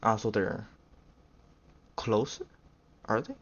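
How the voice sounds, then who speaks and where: Casting: low-voiced guy, meandering reaction streamer, lo-fi mic. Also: big pitch swings, takes it slowly, breathy edge. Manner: rambling, unsure, full of fillers and self-corrections. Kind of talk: casual reaction commentary.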